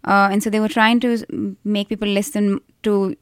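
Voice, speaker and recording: A woman's voice: medium pitch, little pitch movement, moderate pace, smooth, dry recording, clean studio sound. A woman from India with an Indian accent, giving thoughtful, explanatory answers in a conversational interview. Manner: thoughtful, explanatory, with frequent restarts and hedges. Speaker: interview guest, researcher of call centers.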